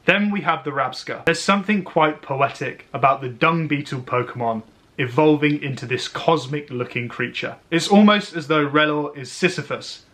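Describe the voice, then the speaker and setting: A man hosting a review in an eloquent yet casual, expressive way, like a narrated vlog with some slang. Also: on the high side. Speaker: trading card reviewer and host. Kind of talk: scripted review narration with casual pack-opening commentary.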